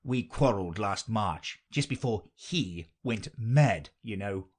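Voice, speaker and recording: A man's voice: on the low side, animated, takes it slowly. A man voicing an odd, mournful hatmaker who rambles theatrically.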